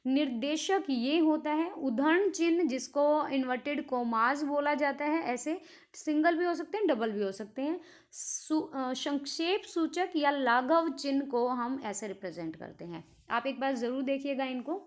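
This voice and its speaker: A woman's voice: sits high, measured pace. A woman teaching a grammar lesson for exam preparation, explaining step by step and mixing English words into her talk.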